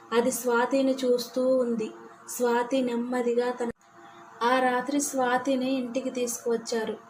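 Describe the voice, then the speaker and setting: A woman telling a scripted horror story in a steady, measured way. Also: on the high side, a little hiss or hum, rough recording.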